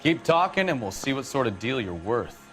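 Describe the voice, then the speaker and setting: An actor playing a gruff, no-nonsense police detective in a 1940s crime video game. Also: male voice, mid-range voice, sing-song, normal speed, fairly bright tone, faint music behind. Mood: stern.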